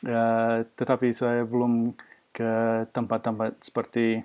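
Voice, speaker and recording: A native English-speaking Australian man, a language teacher, answers as if in an oral interview, describing himself as a foreigner in Indonesian with his Australian accent. His mid-range voice is slow, completely flat, a little mellow, clear and resonant. He pauses hesitantly to search for words.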